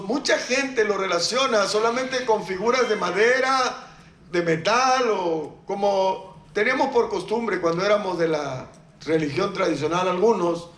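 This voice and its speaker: Male preacher, high voice, chatty sermon delivery with questions to the pews, echoey church. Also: fairly bright tone. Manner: conversational, asks the congregation questions, jokes.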